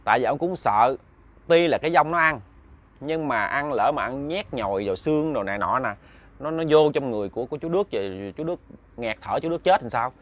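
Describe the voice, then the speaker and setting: A man's voice: mid-range voice, animated, a little fast. A man retelling a ghost story in a loose, conversational way, full of fillers and repeated words.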